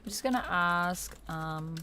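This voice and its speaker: With keyboard clatter plainly audible behind her, a woman leads an online text roleplay, casually talking to herself and sometimes reading chat messages aloud. Her voice is low-leaning and her delivery unhurried.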